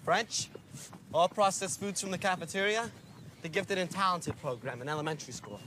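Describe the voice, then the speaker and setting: A man's voice: high voice, moderate pace, natural voice. An actor playing a stiff, formal young male student candidate who speaks earnestly and precisely in a film. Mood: composed. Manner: formal, earnest, precise, builds to shouting in speech. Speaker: student candidate for school board. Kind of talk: film dialogue, campaign speech and debate prep. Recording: reverberant hall, faint noise.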